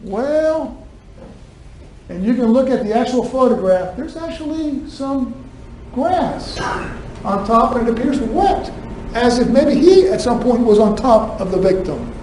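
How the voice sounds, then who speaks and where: A man's voice: very high voice, animated, unhurried, a little mellow. A man giving a prosecutor's closing argument in a courtroom, arguing point by point and firing rhetorical questions at the jury. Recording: echoey courtroom, distant mic, faint room noise.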